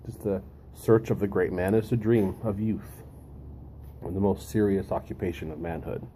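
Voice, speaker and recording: A man giving a reflective monologue, reading and commenting in a deliberate way, with pauses and phrases repeated for emphasis. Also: sits low, steady tone, mellow, a little hiss or hum. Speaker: host.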